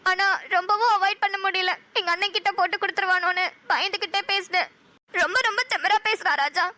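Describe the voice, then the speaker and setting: A woman's voice: extremely high pitch, steady tone, fast talker, sharp tone. A woman with a Namakkal Tamil accent voicing a frightened, tearful young woman in a cartoon, pleading as she speaks.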